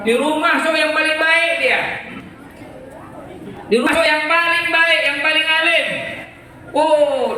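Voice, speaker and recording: Animated preacher in an echoey hall. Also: male voice, very high voice, slight background noise. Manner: animated storytelling, acting out dialogue. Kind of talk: lively sermon to youth.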